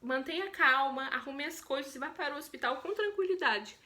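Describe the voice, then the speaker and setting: A young Brazilian woman with a Brazilian Portuguese accent, telling her own birth story in a chatty, expressive vlog. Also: sits high, brisk.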